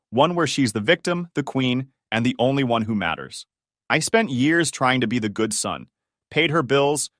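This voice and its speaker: A man reading a scripted first-person story in an even, measured way. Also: mid-range voice, dry recording, studio quality. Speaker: story narrator.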